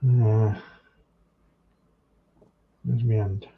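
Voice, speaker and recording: Extremely slow, low-pitched, and creaky-husky with little pitch movement, this Hull man gives hands-on commentary at his workbench as a hobby model-making demonstrator. He's casual and keeps muttering to himself while working. The audio comes from a dull, noisy room.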